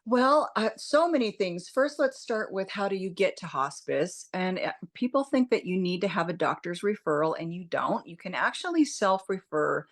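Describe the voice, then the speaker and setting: A woman's voice: medium pitch, animated, normal speed, hardly any pauses. A woman speaking as a hospice nurse and interview guest, explaining things in an informative, plain-spoken way straight to the listener.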